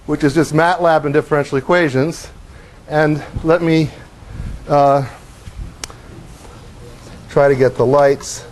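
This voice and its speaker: A middle-aged man teaches in a lecture hall, his voice sitting slightly high for a man. He is animated and acts out the physics with his own body. He breaks off now and then for wry asides and questions to the students. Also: takes it slowly, pauses often. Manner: animated, acts out motion as he explains. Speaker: professor. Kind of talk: university lecture.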